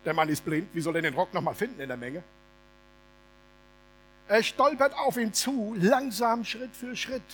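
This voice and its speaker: Brief: animated male preacher, colloquial and funny, retelling a story. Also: high-pitched, normal speed, long pauses, slight background noise. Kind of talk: sermon told as a lively story.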